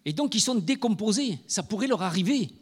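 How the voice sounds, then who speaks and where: A man with a high voice delivers a sermon. He speaks with emphasis and stops to ask his listeners rhetorical questions before answering them himself. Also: animated, a little fast, husky, long reverb tail. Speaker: preacher.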